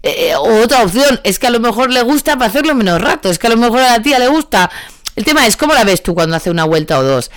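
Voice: mid-range voice, very animated, fast talker, no room sound, clean studio sound. A dog trainer with a Spain Spanish accent giving casual spoken advice to a student, chatty and thinking aloud, often correcting itself.

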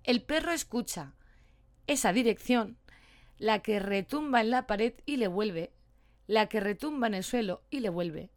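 Talkative lady, dog trainer, chatting on her podcast, animated. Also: on the high side, a little slow. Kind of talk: casual podcast talk.

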